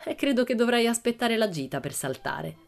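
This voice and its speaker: A woman reading aloud who voices a patient schoolteacher, speaking in a calm, mildly ironic way. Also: on the high side, brisk, gravelly, faint music behind, voice pushed up.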